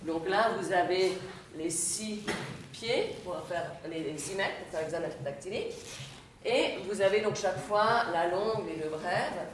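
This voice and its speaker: A woman's voice: fairly low pitch, measured pace, background noise. A woman lecturing on a language, explaining patiently with frequent hesitations and filler sounds. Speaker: Latin teacher. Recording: echoey room, voice from a distance.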